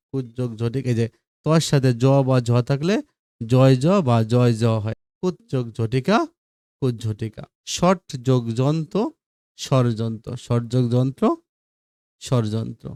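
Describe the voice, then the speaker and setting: A male teacher works through grammar examples one after another and keeps checking that his students follow. His voice is mellow and warm. The recording is dry and close. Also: medium pitch, lively intonation, a little slow, clear, resonant tone, no echo.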